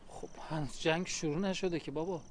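A man's voice: fairly high pitch, a little hiss or hum, natural voice. An actor playing an earnest young man questioning his father, in a radio drama. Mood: worried.

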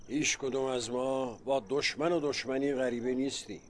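An actor playing a weary, secretive older village father who talks gravely in proverbs, in a radio drama. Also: mid-range voice, steady tone, slight background noise, lightly acted. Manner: solemn, speaks in proverbs. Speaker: village elder and retired folk singer.

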